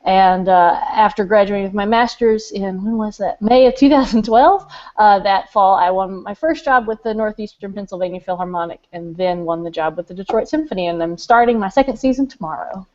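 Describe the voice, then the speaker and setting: A woman from Texas, a guest on a video call panel, who tells her story in a chatty, relaxed way. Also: medium pitch, a little fast. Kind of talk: casual conversation. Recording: muffled video call audio.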